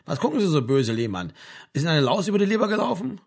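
A gruff sergeant major barks and teases in a husky, raised voice, as a male audiobook narrator puts him on. His delivery is lively and brusque, talking down to the young soldier. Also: on the high side, quick pace, pitched above the performer's own voice, heavily acted. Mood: bossy. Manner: brusque, teasing, talks down. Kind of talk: audiobook reading.

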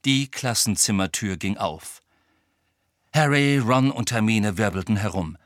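A man narrating an audiobook in a measured, expressive way. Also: fairly low pitch, no echo, clean studio sound.

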